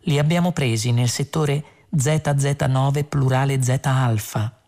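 A man's voice: medium pitch, fairly even intonation, darkish tone, natural voice. A man voicing a patient, exasperated space heroine. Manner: patient, deliberate. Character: patient, exasperated young woman starship companion.

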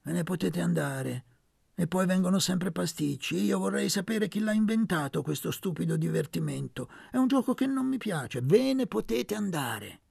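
A woman's voice: on the low side, expressive, normal speed, creaky, husky, dry recording, clean studio sound, pitched above the performer's own voice, exaggerated voice. A man voicing a coarse older woman who runs a brothel, brusque and scolding in an audiobook reading. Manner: brusque, scolding, sharp-tongued.

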